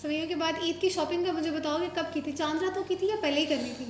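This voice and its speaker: A woman from Pakistan hosts a show and casually chats with children, coaxing them playfully and teasing them with questions. She has a very high voice and talks fast. The recording has a roomy echo and slight background noise.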